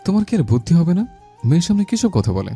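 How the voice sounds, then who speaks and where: A man voicing an affectionate young professor husband in an audio love story, speaking low and tender. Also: steady tone, fairly quick, mellow, soft background music. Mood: teasing. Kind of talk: audio drama dialogue.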